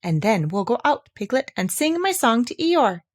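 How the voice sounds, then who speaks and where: A woman reading a storybook voices a good-natured male toy bear of very little brain. He speaks slowly and earnestly in a fairly high pitch, his melody lively and swinging, and he comes across as cheerful, simple and a bit muddled.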